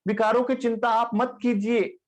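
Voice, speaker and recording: A man giving a devotional discourse on scripture, speaking tenderly to his listeners and chanting verse lines slowly. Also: very high voice, level tone. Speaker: spiritual teacher.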